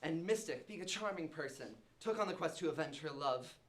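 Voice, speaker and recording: A young male host reads a ridiculous scripted tale with mock-dramatic flair. His voice sits a little high for a man. He co-hosts with a partner on a student show. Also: lively intonation, brisk, slight background noise. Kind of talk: reading a scripted comic tale.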